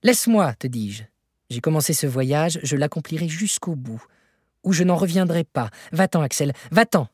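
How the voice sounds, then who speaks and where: A man's voice: mid-range voice, moderate pace, darkish tone, no echo, studio quality, natural voice. A man doing a fierce, stubborn old professor. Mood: menacing. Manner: shifts from tender murmur to hard, menacing insistence. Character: fierce obstinate old male professor, explorer.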